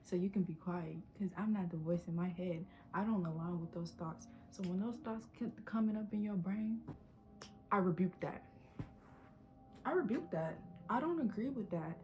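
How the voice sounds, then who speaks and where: Mellow-voiced woman giving a casual pep talk. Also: on the low side, moderate pace, dull audio, soft background music. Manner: casual, encouraging, faith-infused pep talk. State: runny nose. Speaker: vlogger. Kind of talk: motivational vlog talk.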